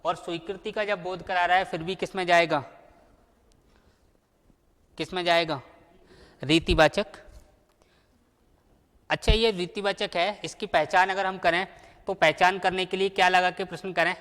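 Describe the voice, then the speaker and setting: A man teaching a grammar lesson, who asks questions and answers them himself and slowly repeats the key words. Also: high voice, steady tone, a bit bright, in a large hall.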